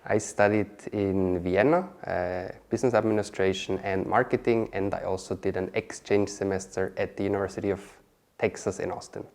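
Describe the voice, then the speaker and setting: A man's voice: sits low, fairly even intonation, a little fast, darkish tone. A man from Austria, a marketing specialist chatting as an interview guest, often adding "okay?" and "you know". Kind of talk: casual interview answers.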